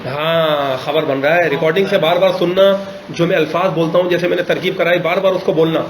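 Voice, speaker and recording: A man's voice: on the high side, fairly even intonation, crowd noise. Corrective male grammar teacher, echoey room. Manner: patient, corrective, quizzing students. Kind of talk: Arabic grammar class.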